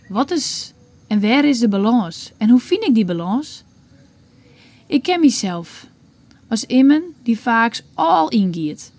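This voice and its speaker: A woman with a Frisian accent reading her own blog aloud in a reflective, measured way. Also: fairly high pitch, warm tone. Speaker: blogger.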